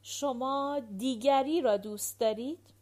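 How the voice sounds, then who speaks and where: Woman reading as patient gentle sister, soft coaxing questions, slightly high voice. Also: lightly acted. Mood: gentle probing.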